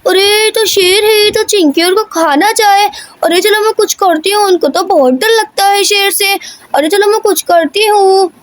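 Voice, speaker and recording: A woman voicing a brave young mother in a doll story, talking quickly and urgently with care for her children. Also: very high-pitched, voice pushed up.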